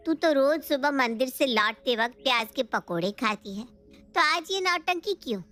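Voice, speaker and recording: A woman's voice: high voice, lively intonation, normal speed, a bit bright. A woman voicing a chatty, greedy middle-aged neighbor in a cartoon story, teasing and gossipy.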